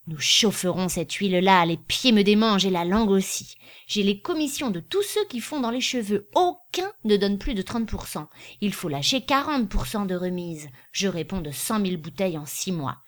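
A woman doing a loud, bombastic salesman. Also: mid-range voice, lively intonation, moderate pace, natural voice. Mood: boisterous. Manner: bombastic, declamatory. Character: boisterous male traveling salesman, loud and showy.

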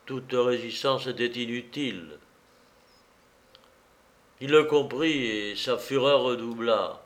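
Male narrator, scripted audiobook, unhurried, expressive storytelling. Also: medium pitch.

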